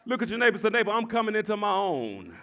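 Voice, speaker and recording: A pastor in his forties preaching a sermon, swinging from shouted exhortation to quiet, confiding talk, and repeating his phrases. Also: sits high, huge pitch swings, fast. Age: 40s. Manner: repeats phrases and tells the congregation to address their neighbor.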